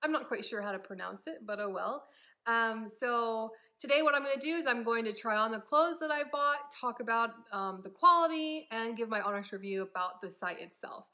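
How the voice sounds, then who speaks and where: A woman's voice: a little high, normal speed, bright, forceful tone. A young woman chatting casually in a try-on haul vlog, upbeat and rambling with frequent ums. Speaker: vlogger.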